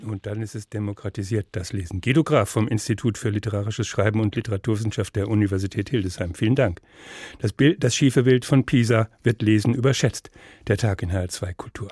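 Casting: calm male culture radio host, low and dry. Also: brisk, breathy edge, no echo.

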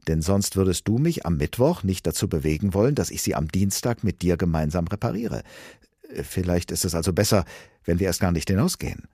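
Brief: man doing a puzzled astronaut, low husky voice, dry sound. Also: mellow, dry recording, heavily acted. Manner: puzzled, reasoning aloud. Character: confused, stubborn male astronaut, the narrator's self.

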